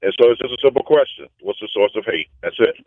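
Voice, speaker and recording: A man calling in over the phone to a talk show, asking a simple, direct question in a measured way. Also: on the low side, lively intonation. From Pennsylvania. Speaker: caller. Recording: tinny phone line.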